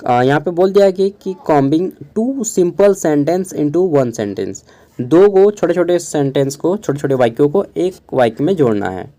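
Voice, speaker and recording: Young male tutor from Jharkhand, Khortha first language, somewhat high, mellow voice, patient casual lecture spelling words out. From Jharkhand, India. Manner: explains slowly, spells words out letter by letter; keeps checking in with listeners. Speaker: teacher. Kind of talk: casual exam-prep lecture.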